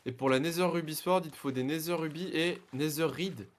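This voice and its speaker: A man's voice: fairly high pitch, brisk, a little hiss or hum. A man playing a game with friends, talking casually and exclaiming now and then. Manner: lively, exclaiming, swearing casually. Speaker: co-player. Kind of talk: casual gaming chat.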